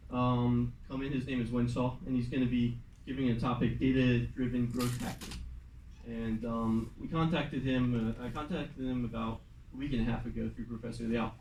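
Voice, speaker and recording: A man's voice: mid-range voice, a little mellow, slight background noise. A young man, a student club president, casually presenting the semester plan to a class, with lots of fillers and some switches into Mandarin. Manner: loose and chatty, many fillers, switches into Mandarin at times. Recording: echoey classroom from far off.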